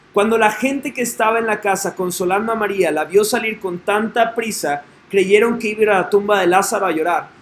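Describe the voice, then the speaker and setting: A man with a high-sitting, fairly bright voice reads scripture and preaches earnestly, asking listeners direct questions. The room is echoey with faint ambience, and there's a little hiss or hum.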